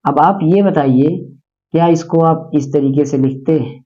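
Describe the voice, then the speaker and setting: A man's voice: on the high side, a little slow, highs cut off. A man teaching a grammar lesson who repeats words and keeps asking his students questions.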